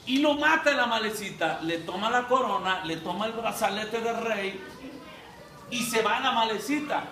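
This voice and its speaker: A man's voice: sits high, moderate pace, pushed and bright, slight background noise. A man preaching a sermon as a dramatic storyteller, acting out voices and calling for amens. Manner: dramatic storyteller, acts out quotes, calls for amens. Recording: echoey hall, mic at a distance.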